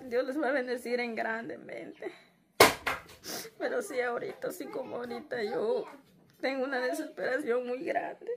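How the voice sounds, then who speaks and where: A woman's voice: on the high side, steady tone, moderate pace, very noisy. A young woman with a Guatemalan accent telling her hardships in an interview, tearful and often quoting her conversations with her children. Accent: Guatemalan Spanish. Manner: tearful, retells conversations in quoted speech. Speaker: interviewee, struggling mother. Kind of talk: emotional personal account. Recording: loud music underneath.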